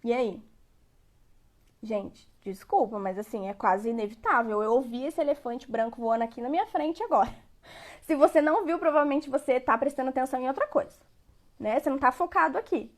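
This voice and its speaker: High-voiced woman giving a parenting talk. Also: brisk. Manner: conversational and repetitive, often checking in with the audience. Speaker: parenting educator. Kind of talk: lecture to parents.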